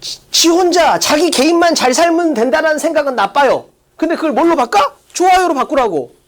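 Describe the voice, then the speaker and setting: Lively online English teacher. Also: sits high. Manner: coaching with quick rhetorical questions to students; casual plain-speech classroom talk. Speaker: English exam-prep teacher. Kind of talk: online lecture.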